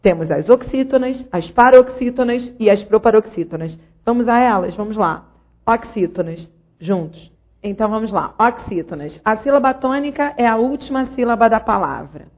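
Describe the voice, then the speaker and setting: A woman's voice: on the high side, expressive, normal speed. Woman teaching grammar, slightly muffled. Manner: didactic, addresses student directly with check-ins. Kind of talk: online grammar lesson.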